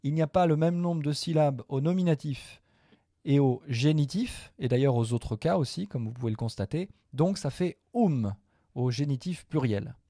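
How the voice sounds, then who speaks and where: A man teaching a Latin grammar lesson to viewers, patient and methodical, repeating each form slowly with small hesitations. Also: fairly high pitch, warm tone, no room sound, clean studio sound.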